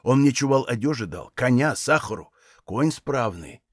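A man's voice: sits high, animated, normal speed, dry recording, studio quality, pitched above the performer's own voice. A man voicing a stubborn old Cossack father who scolds in folksy village dialect. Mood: hushed confiding.

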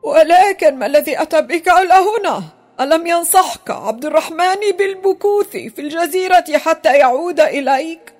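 Kindly old servant guy in a kids audio drama, high voice, music under it. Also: lively intonation, brisk. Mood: breathless. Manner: fearful at first, later hushed and secretive.

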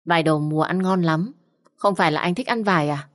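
A woman's voice: on the low side, quick pace, natural voice. A woman voicing a bold, mischievous young woman who teases and talks brashly. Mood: teasing. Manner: teasing, brash.

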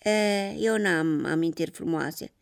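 A storyteller voicing a gloomy Astrakhan fur hat in a children's tale, thick and muffled, speaking bitterly and slowly. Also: mid-range voice, clean tone, lightly acted. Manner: bitter and slow.

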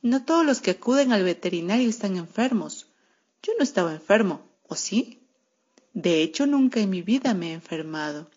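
A woman's voice: medium pitch, expressive, normal speed, darkish tone, breathy edge. A woman reading a children's story aloud for radio, narrating in a wry, sardonic first-person cat voice. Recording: muffled lo-fi radio recording.

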